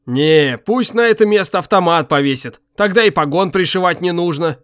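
A man's voice: high voice, lively intonation, normal speed, fairly bright tone, clean tone, dry recording, clean studio sound, pitched above the performer's own voice. A man voicing a mocking, rude male patrol policeman who talks crudely and jeers. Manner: jeering, crude.

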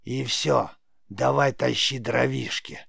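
A man reading an audiobook, voicing a spiteful old forest witch with a creaky voice. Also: mid-range voice, steady tone, takes it slowly, a bit bright, no echo, studio quality, full character voice. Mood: grumbling.

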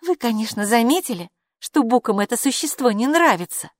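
A woman's voice: fairly high pitch, lively intonation, brisk, no room sound, clean studio sound, pitched above the performer's own voice, natural voice. A woman playing a smug, bossy girl. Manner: smug and commanding. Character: proud, bossy older girl.

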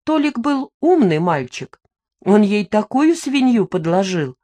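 A woman's voice: mid-range voice, sing-song, measured pace, warm tone. A woman reading the part of a tipsy, spiteful older mother who gloats and grumbles in an audiobook. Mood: gloating. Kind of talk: audiobook character voice.

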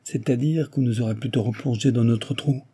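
A man's voice: mid-range voice, fairly quick, dark tone, breathy edge, lightly acted. A man reading voicing a comic male valet who laments and frets. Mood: lamenting. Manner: lamenting, fussy.

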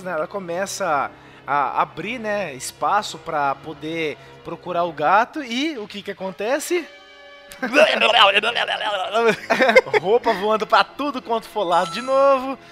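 A man's voice: high voice, lively intonation, moderate pace, a bit bright, faint music behind. A man with a Brazilian Portuguese accent, hosting a podcast and casually recapping a horror film, rambling with lots of fillers and chuckles. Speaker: podcast host.

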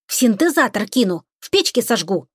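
A woman narrator plays an earnest spider-headed alien crewmate in an audiobook. She speaks in a measured, steady way, a little lower than the narration. The sound is close and dry. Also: breathy edge, no room sound. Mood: threatening.

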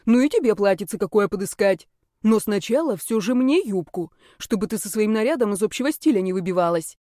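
A woman voicing a pushy, fashion-obsessed male snake creature who bosses and teases loudly. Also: medium pitch, expressive, fairly quick, no echo, studio quality, lightly acted. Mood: bossy. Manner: bossy, shouting, teasing.

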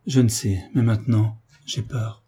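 A man's voice: medium pitch, normal speed, mellow, husky. A man voicing a timid, frightened young woman in an audiobook reading, speaking faintly and pleadingly. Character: young woman, anxious, proud yet timid.

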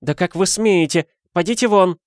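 A man voicing a haughty, sharp-tongued young married lady in an audiobook, with a scornful, imperious manner. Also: on the high side, moderate pace, no room sound, studio quality, pitched above the performer's own voice, lightly acted. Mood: indignant. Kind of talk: audiobook character voice.

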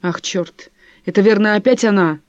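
A woman's voice: medium pitch, normal speed, a little mellow, no echo, lo-fi sound, close to an everyday voice. A woman voicing a nervous, evasive husband who snaps defensively. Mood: tense. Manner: tense, defensive, snapping. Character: nervous, evasive husband, middle-aged man. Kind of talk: audiobook character voice.

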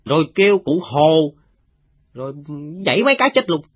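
A gossiping, boastful soldier played by a man spins his tale in a Southern Vietnamese accent, his husky voice rising and falling in lively swings. He talks roughly and chattily, with his loudness jumping up and down. The audio drama is recorded dry and sounds dull and lo-fi. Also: fairly high pitch, fairly quick, dry recording. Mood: boastful recounting. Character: gossiping rank-and-file male soldier, coarse and boastful.

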